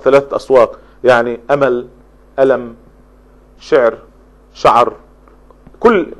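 A man giving a spoken lecture on poetry, explaining step by step and running through long lists of examples. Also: mid-range voice. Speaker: literature lecturer.

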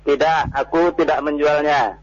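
A man from Medan calling in to a lesson, answering politely and hesitantly with frequent pauses. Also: on the high side, fairly even intonation. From Medan, Indonesia. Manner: hesitant, polite, slow, with filler "ah". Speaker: caller. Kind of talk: phone-in student reciting exercises. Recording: dull phone-in audio.

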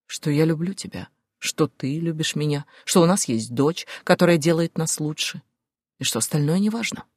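A woman voicing a firm, steady man. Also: low voice, normal speed, no room sound. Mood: tender. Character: steady, protective adult male leader. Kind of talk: audiobook character voice.

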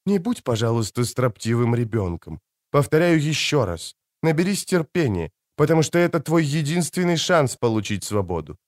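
A cold, stern ancient elf, voiced by a male audiobook reader, calm and measured, warning in a hushed, low register. His lines keep a lively pitch even when quiet. The recording is close and dry. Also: no room sound, lightly acted. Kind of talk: audiobook character reading.

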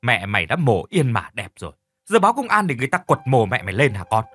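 A man voicing a widowed middle-aged father who is gruff but sorrowful in an audiobook story. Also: mid-range voice, sing-song, fast talker, a bit bright, soft background music. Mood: scolding.

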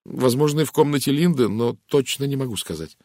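A man voicing a puzzled young English wife in an audiobook, hesitant and sometimes sharp. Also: medium pitch, fairly quick, no room sound, clean studio sound, pitched above the performer's own voice, lightly acted. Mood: recalling.

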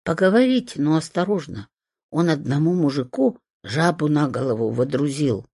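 A glum little house spirit from a fairy-tale storybook, complaining in a mournful, husky voice, as a woman reader puts him on. The tone is dark and dry. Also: low-pitched, expressive, normal speed, dry recording, heavily acted. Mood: gloomy. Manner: doleful, gloomy. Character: gloomy, sad little house spirit, male.

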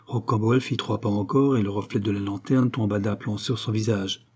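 A man narrating a classic novel in a steady, measured reading. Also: lowish voice, slightly rough. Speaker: audiobook narrator.

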